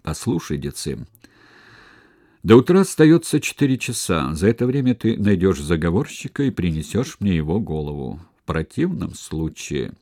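A man's voice: fairly low pitch, lively intonation, normal speed, dark tone, no echo, studio quality, pitched above the performer's own voice. A man reading an audiobook, voicing a ruthless, commanding Roman dictator who growls his threats. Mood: cold menacing.

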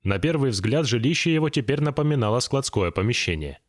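A man narrating an audiobook in a measured, expressive reading. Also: medium pitch.

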